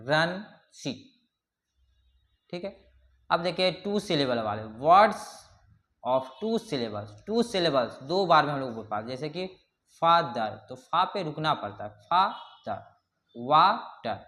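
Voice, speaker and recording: A man teaching a grammar lesson, slowly reading out English definitions word by word and often checking in with his class. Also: a little high, big pitch swings, fairly bright tone. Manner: slow explaining, reads English definitions word by word, repeats "ठीक है".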